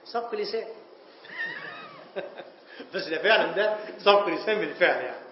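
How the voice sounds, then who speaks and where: A high-pitched Egyptian man teaches a class and keeps quizzing his students before he answers for them. His voice rings in an echoey room. The recording is dull and lo-fi. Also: lively intonation, normal speed, slight background noise. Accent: Egyptian Arabic. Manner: poses questions to students and answers them himself; playful wordplay, chuckles at slips. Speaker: Islamic scholar teaching Arabic language. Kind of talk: classroom lecture.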